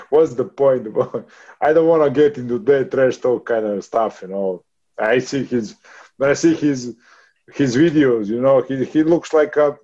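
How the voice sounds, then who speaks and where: A boxer in his thirties chats in a casual interview, his medium-pitched voice mellow and the audio dull. He's rough and swears, laughs often, and calls people brother.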